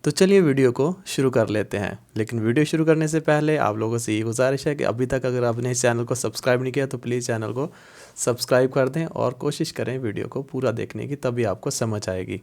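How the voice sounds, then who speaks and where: A man teaching Arabic phrases in a video lesson, patiently repeating each word slowly for learners. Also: mid-range voice, creaky, a little mellow.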